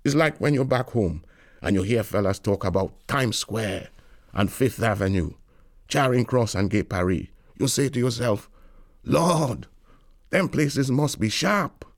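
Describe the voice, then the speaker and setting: A man reading a novel aloud in a lilting, expressive storytelling manner. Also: on the low side, normal speed, no room sound, clean studio sound. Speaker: reader.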